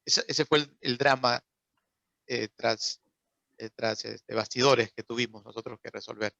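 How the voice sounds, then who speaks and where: A man's voice: medium pitch, fairly even intonation, measured pace, vocal fry, pushed and bright, no room sound, muffled recording. A man hosting an awards program, speaking in a chatty way full of fillers and tag questions. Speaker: contest host. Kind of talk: casual live talk.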